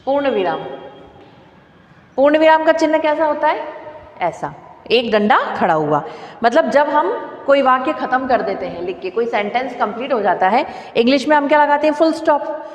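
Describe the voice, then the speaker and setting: A woman teaching a classroom grammar lesson, explaining slowly, repeating examples and asking questions. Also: high-pitched, expressive. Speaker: school teacher. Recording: echoey room with long reverb.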